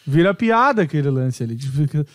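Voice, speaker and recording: A man's voice: on the high side, sing-song, fast, dry recording, clean studio sound. A man chatting casually on a podcast, with loose talk full of fillers.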